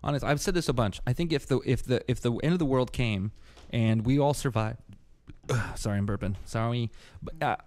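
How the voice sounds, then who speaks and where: A man hosting a live music stream, chatting casually in a rambling, sweary, animated way. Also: mid-range voice, a little fast, hardly any pauses, no room sound. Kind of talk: casual chat. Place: studio.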